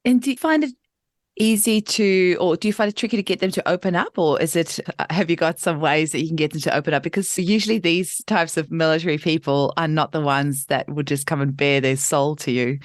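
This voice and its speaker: Encouraging woman podcast host, low voice. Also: brisk, no room sound, studio quality. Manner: warm, encouraging, backchannels often. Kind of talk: interview questions.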